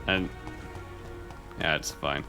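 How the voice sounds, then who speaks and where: A man's voice: rumbling low, fairly even intonation, takes it slowly, music in the background. A young man casually commenting while he plays a game on stream, wry and rambling, often muttering to himself. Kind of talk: casual let's-play commentary.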